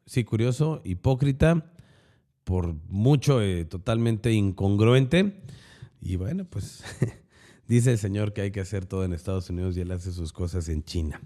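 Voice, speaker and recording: A man's voice: fairly low pitch, animated, measured pace, warm tone. A man with a Mexican accent hosting a news podcast, giving opinionated commentary with sarcastic, crude slangy asides.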